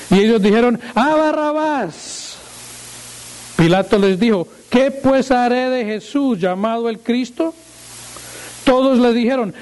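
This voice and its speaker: High, gravelly-voiced male pastor. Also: darkish tone, poor audio. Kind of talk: sermon with scripture reading and prayer. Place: church.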